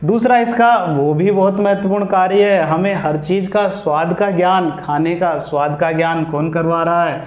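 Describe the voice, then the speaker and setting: A man's voice: high-pitched, steady tone, moderate pace, hardly any pauses. A man teaching biology step by step, repeating the key points. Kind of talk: classroom explanation. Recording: echoey room.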